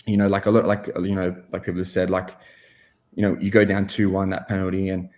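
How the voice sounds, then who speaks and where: Young man, goalkeeper guest, deep gravelly voice, flat delivery, keeps restarting with fillers. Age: 20s. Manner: halting, heavy with fillers and restarts. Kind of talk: casual interview answers.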